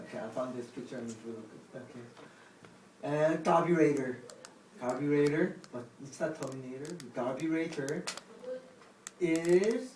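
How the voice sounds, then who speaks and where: A man explains words in a casual, halting way, restarting his sentences. His voice sits a bit high. He sounds distant in an echoey room, with faint noise underneath. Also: a little mellow. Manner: halting, restarts, non-native phrasing. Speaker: vlog host explaining words.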